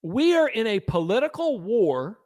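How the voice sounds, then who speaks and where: A man's voice: high-pitched, very animated, a little slow, darkish tone. A man hosting a fiery advocacy livestream, combative and rallying. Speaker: gun rights advocacy host.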